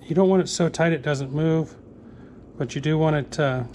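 A man's voice: on the high side, normal speed, background noise. A man in his forties in a workshop, casually walking through a build step by step with plenty of "uh"s. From Northeast Florida. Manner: plain, easygoing, narrating each step with many "uh"s. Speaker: fishing tackle maker. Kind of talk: casual how-to workshop demonstration.

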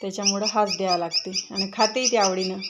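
A woman's voice: steady tone, fast talker, heavy background noise. A woman with a Marathi accent, chatting casually in a home vlog while coaxing and calling her pet bird. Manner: coaxing, calls the bird with high chirpy sounds. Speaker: vlogger.

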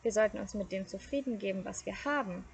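A woman voicing a poor, timid fisherman who calls a rhyme out over the sea, in a loud sing-song chant. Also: medium pitch, quick pace, gravelly, a little hiss or hum, lightly acted.

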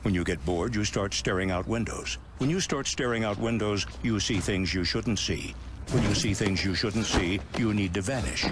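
A male actor as a deadpan commercial announcer delivers a cautionary script. His voice is on the low side, with clear noise behind it. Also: normal speed, close to an everyday voice. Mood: deadpan warning. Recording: noisy commercial soundtrack.

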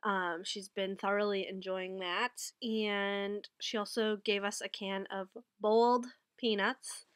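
A knitting vlogger in her thirties, a bit nasal from a head cold, chats to her desk webcam about her knitting haul in a casual haul-and-recap vlog. She's chatty, rambling and self-correcting, in a medium-pitched, fairly bright, clean voice. She sits in a small wood-paneled room with bookshelves, and the recording is dry and of studio quality.

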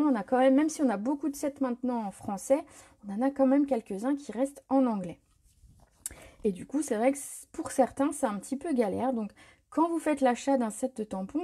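With a fairly high, slightly rough voice, a woman shows a paper craft technique during a live tutorial. She stays relaxed and talkative, frequently fixing her own mistakes and laughing about them.

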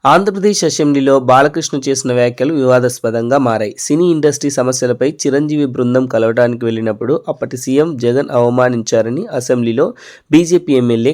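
A man hosts a news channel and reads the stories in a brisk, steady news-reader style. His pitch sits in the middle range for a man. Now and then he slips into loose, offhand asides between the items. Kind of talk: news narration.

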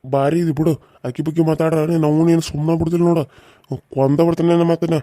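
Cartoon: performer doing a fast, very dark-voiced, threatening village husband. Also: medium pitch, flat delivery, no echo, clean studio sound, close to an everyday voice. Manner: rough, threatening and scolding. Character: hot-tempered young village husband.

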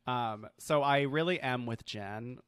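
A man's voice: medium pitch, measured pace, a bit bright, clean tone, no echo. A man co-hosting a podcast in casual chat, earnest and hedging, thinking aloud as he talks. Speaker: podcast co-host.

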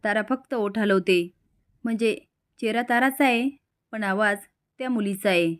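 A woman's voice: mid-range voice, moderate pace, clean tone, close to an everyday voice. A woman reading the lines of a bitter, scheming older woman in a serial recap.

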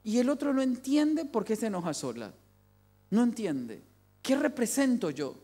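A man's voice: extremely high pitch, sing-song, normal speed, mellow. A man giving an emphatic family sermon in a large church hall, repeating key phrases for weight. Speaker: family speaker.

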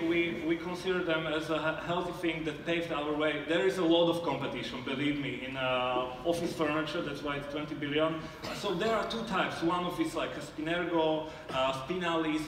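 A man's voice: fairly high pitch, a bit bright, a little hiss or hum. A man, a startup founder answering judges' questions on a theater stage, hesitant with many fillers and restarts. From Slovakia. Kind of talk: live pitch Q&A on stage. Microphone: far camera in the audience. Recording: echoey hall from far off.

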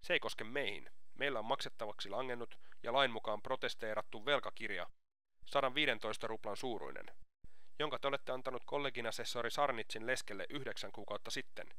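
A man's voice: mid-range voice, sharp tone, dry recording, studio quality, lightly acted. A man reading an audiobook aloud, voicing a smug police office clerk who speaks in an officious, matter-of-fact way.

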